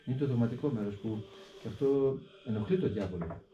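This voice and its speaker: A man, a hermit monk, explaining a prayer in an interview in a deliberate way, often repeating a filler word and slowly reciting the prayer with shifting stress. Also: medium pitch, warm tone. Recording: echoey, dull recording with faint background noise.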